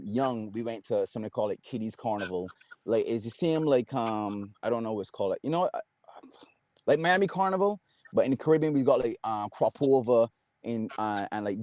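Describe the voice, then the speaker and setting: A man's voice: medium pitch, darkish tone, no echo. A young man from Barbados with a Barbadian accent, chatting on a panel in a rambling way, full of fillers and restarts. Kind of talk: casual panel chat.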